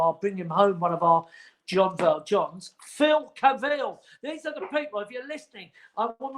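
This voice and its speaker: A man's voice: high voice, fairly bright tone. A man in his forties hosting a casual livestream chat from home, rambling and teasing. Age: 40s. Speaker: host.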